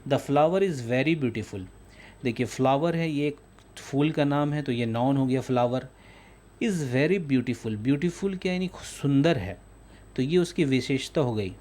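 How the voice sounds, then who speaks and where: A man's voice: medium pitch, mellow. A man teaching English grammar in a lesson, patiently reading out English definitions and explaining each one in Hindi.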